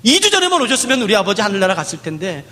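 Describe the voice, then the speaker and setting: A man's voice: high-pitched, big pitch swings, rapid-fire, sharp tone, big-room sound. A man preaching a sermon, telling a story with acted dialogue and dramatic rises and falls.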